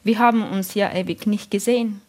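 A woman's voice: medium pitch, steady tone, a little fast, darkish tone, lightly acted. A woman voicing a very old, friendly but confused lady who talks in a cheerful, conspiratorial way in an audiobook. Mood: calm.

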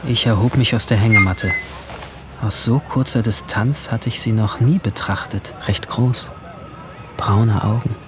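In a radio drama, a man voices a withdrawn, brooding 17-year-old who narrates his summer as the main character. His lowish, natural voice moves a little slowly, introspective and terse, and he comes across as awkward in dialogue.

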